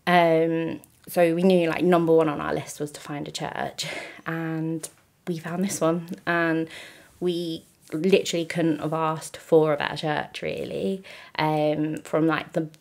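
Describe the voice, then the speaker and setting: Young woman from outside london, lower voice, talks fast and chatty with fillers and laughs. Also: level tone, gravelly, a little mellow. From just outside London, England. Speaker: interview guest. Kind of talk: casual testimony chat.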